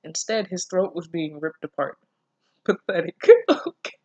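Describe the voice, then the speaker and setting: Unhurried and lowish in pitch, a woman reads fan fiction aloud and reacts to it casually, giggling and breaking off to comment. She's incredulous and self-deprecating, with free swearing. The recording is dry.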